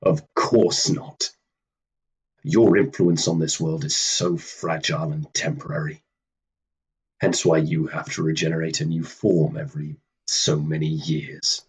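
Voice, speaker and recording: Male actor as Death, husky low voice, unhurried, stern, formal, dismissive, radio drama. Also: level tone, heavily acted. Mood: cold, dismissive. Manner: deliberate, formal, cold, dismissive. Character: Death, stern, weary, aloof immortal being, male. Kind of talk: radio play acting.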